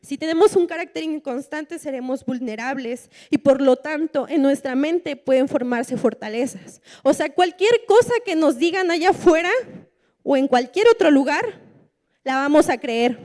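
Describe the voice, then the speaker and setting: A woman delivers a sermon in a church. Her voice sits high, and she talks in a lively way, putting on the voices of people making excuses. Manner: animated, acts out excuses of churchgoers in quoted voices. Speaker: preacher. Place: church meeting room.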